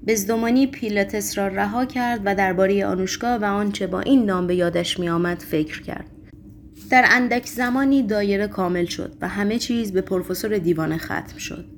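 A woman's voice: mid-range voice, slight background noise. Woman reading a novel aloud. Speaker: audiobook narrator. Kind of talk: scripted narration.

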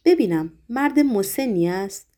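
A woman voicing a stern, probing male Roman governor who asks measured, formal questions. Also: medium pitch, expressive, dark tone, close to an everyday voice.

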